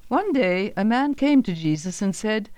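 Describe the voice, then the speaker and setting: A woman giving a calm, even scripted narration of a Bible story on a close microphone. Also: mid-range voice, moderate pace, dry recording.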